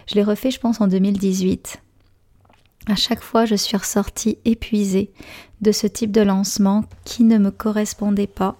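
A woman with a Quebec French accent and a hoarse, raspy, gravelly voice, hosting a podcast casually and reflectively, searching for her words. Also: medium pitch, dark tone. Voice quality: raspy, gravelly voice recovering from voice loss. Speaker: podcast host and meditation teacher.

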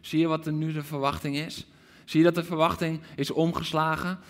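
Man, preacher, livestream sermon, emphatic, loud outbursts and soft asides, reverberant hall. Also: fairly high pitch, little pitch movement, a little fast. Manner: emphatic, swings from loud exclamations to hushed asides.

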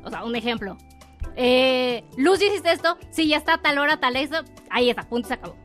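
A woman's voice: sits high, expressive, fairly quick, a bit bright, soft background music. Matter-of-fact woman. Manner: matter-of-fact, lists points. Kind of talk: casual radio chat.

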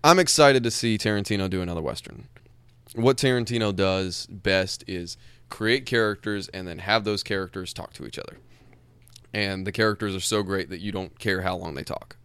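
A man's voice: low-pitched, normal speed, a bit bright, clean tone, dry recording. A man co-hosting a podcast, chatting in a laid-back, rambling way and swearing casually. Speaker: podcast co-host. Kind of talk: casual chat.

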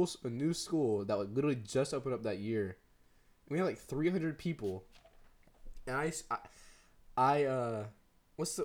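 A teenage boy co-hosting a podcast, telling rambling stories with lots of laughs and "dude". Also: medium pitch. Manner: rambling, laughs often, says dude a lot. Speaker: podcast co-host. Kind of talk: casual chat.

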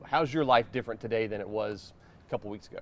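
A man's voice: lowish voice, fast. A man hosting a casual interview show, recorded outdoors in a backyard.

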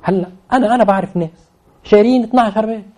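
A man's voice: sits high, rapid-fire, darkish tone. A man with a Lebanese Levantine Arabic accent explaining things off the cuff as an interview guest, emphatically repeating phrases to stress his points. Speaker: interview guest commenting on real estate.

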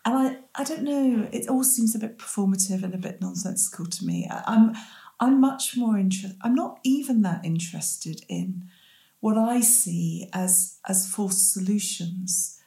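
A woman's voice: mid-range voice, normal speed, mellow, roomy sound. A woman who says w for r, speaking as an interview guest in a thoughtful, self-deprecating and reflective way. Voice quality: says w for r, cannot pronounce R clearly. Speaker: interview guest, medical ethicist.

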